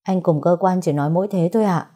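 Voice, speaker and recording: Một phụ nữ đóng vai cô vợ trẻ hoảng hốt, nói nghẹn ngào, van nài. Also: female voice, fairly low pitch, quick pace, warm tone, natural voice. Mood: panicked. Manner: pleading, breathless. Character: panicked young wife, tearful and pleading.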